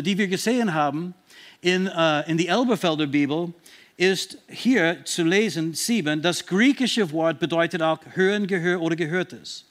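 High-voiced man preaching emphatically. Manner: emphatic, slows down to stress Bible verses; repeats and restarts when searching for words. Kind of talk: sermon with Bible readings.

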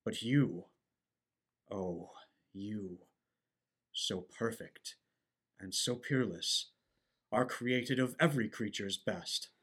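A man's voice: on the low side, takes it slowly, long pauses, fairly bright tone, slightly rough, full character voice. Man as Ferdinand, ardent young Shakespearean prince. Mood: adoring. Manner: courtly, ornate, earnest delivery. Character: gallant, ardent young shipwrecked prince in love. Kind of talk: theatrical Shakespearean stage acting.

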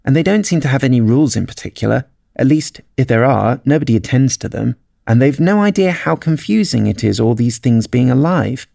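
A man's voice: medium pitch, lively intonation, normal speed, vocal fry, darkish tone, no room sound, studio quality, voice pushed up. A man reading aloud voices a polite, anxious young girl with a prim, complaining way of talking. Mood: fretful.

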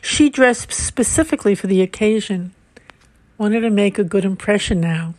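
A woman narrating a mystery novel aloud in a measured, unhurried reading. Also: mid-range voice, a little mellow, dry recording. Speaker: audiobook narrator. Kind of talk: scripted narration.

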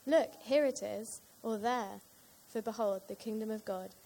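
A woman reading a Bible passage aloud in church at a steady, even pace. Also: on the high side, a little slow, creaky. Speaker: scripture reader.

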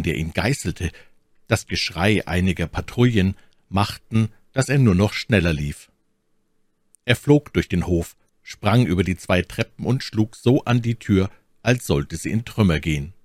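A man narrates a classic novel in a very low, steady voice with a theatrical lilt. The recording is dry and close, with no room sound at all. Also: measured pace, no room sound. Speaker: audiobook reader.

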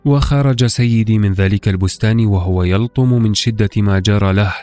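Man, low voice, formal classical storytelling, scripted narration, music underneath. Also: normal speed, dark tone. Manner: formal classical Arabic recitation, acting out dialogue. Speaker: podcast host and storyteller.

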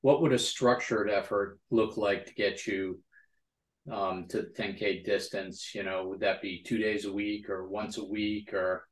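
A man's voice: fairly low pitch, fairly even intonation, unhurried. A man hosting a casual interview, explaining things and often checking in for agreement, in a roomy, echoing recording. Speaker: podcast host.

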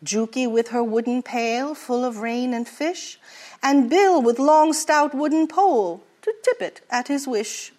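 A man's voice: very high voice, a little slow, darkish tone. A woman voicing a seafaring merchant from the far north who tells a tender moon legend in rhyme. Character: gentle Icelandic sailor-merchant, fond storyteller.

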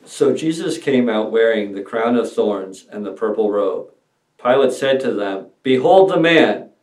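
A man's voice: on the low side, unhurried. A man reading a Good Friday scripture passage and leading prayers in a solemn, reflective way. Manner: solemn, reflective, raises voice for quoted shouts. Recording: echoey room, voice from a distance, soft music behind.

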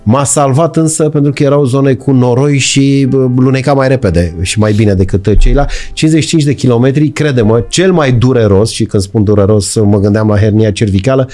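Romanian man, mellow storytelling voice. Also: medium pitch, few pauses, soft background music. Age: middle-aged. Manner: anecdotal, frequent hesitations. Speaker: podcast guest, sports commentator. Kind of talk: casual conversational storytelling.

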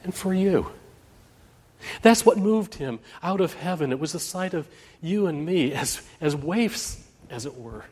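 A man's voice: fairly high pitch, animated, unhurried, a little mellow, breathy edge, big-room sound. A man preaching a Christmas sermon in a church, telling a story earnestly with frequent restarts.

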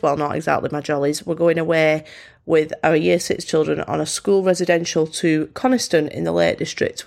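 Speaking with a British accent, this podcast host keeps her casual solo chat upbeat and self-deprecating. Her voice sits low and creaky, and she sounds congested, as if her nose is bunged up.

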